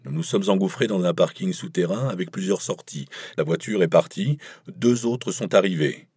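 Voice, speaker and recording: A man reads a first-person thriller with a measured, wry delivery. His voice sits very low and sounds husky. The recording is dry, with no room sound. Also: animated, darkish tone, no room sound. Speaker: audiobook narrator. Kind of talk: audiobook narration.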